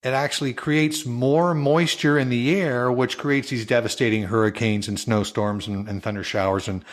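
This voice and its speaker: A man's voice: medium pitch, steady tone, moderate pace. A man hosting an interview show, chatting casually and eagerly chiming in with asides.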